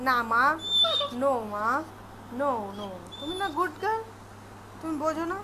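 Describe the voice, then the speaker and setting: A woman's voice: high-pitched, very animated, measured pace. A woman at home at night, scolding and coaxing her pet in baby talk. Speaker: pet owner. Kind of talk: home video, talking to a pet. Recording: noisy home recording with dog sounds. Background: dog barking and whining.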